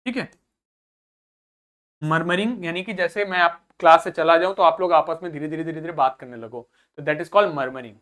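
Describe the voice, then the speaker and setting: A man's voice: a little high, moderate pace, a bit bright. Patient man teaching vocabulary, repeating words. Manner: explains patiently, repeats each word for students to echo; switches between Hindi and English readings. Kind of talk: vocabulary lesson.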